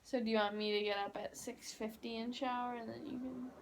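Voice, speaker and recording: A tired young woman talks through her day in a relaxed travel vlog, her voice sitting a little high. She rambles with frequent "like" fillers and playful asides, recorded at night in a hotel room. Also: fairly quick, background noise. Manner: chatty, fillers like "like", playful mimicking. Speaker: vlogger. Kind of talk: casual late-night travel vlog chat.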